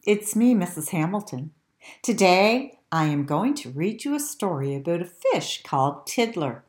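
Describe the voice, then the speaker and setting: A woman reading a picture book aloud to young children, expressively and deliberately, with dramatic emphasis and hushed drops. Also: on the low side, sing-song. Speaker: children's story reader. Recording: roomy, echoing sound.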